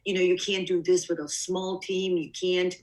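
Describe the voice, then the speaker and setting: A woman's voice: on the low side, little pitch movement, normal speed, darkish tone, rough recording. A woman from Bulgaria, a production designer, speaks as an interview guest in a reflective way, often restarting her sentences. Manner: reflective, talks in restarts and asides. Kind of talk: casual interview conversation.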